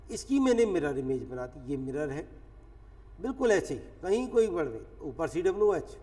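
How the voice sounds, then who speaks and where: A man's voice: a little high, darkish tone. A man teaching chemistry in a lecture, explaining step by step with everyday examples. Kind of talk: classroom lecture. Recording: echoey classroom, voice from a distance.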